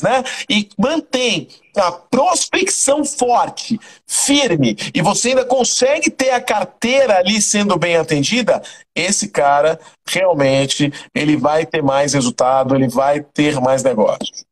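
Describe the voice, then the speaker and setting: High-voiced emphatic man. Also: animated, takes it slowly. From Salvador, Bahia, Brazil. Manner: emphatic, rallying. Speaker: real estate sales manager. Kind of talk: energetic coaching talk, walking through the office. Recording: long reverb.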